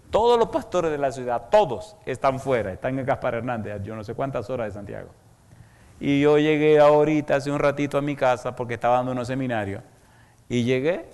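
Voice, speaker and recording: A man's voice: mid-range voice, fast talker, darkish tone, clean tone. A man preaching as a pastor, telling a story dramatically and speaking bluntly. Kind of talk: evangelistic sermon. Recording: long hall reverb.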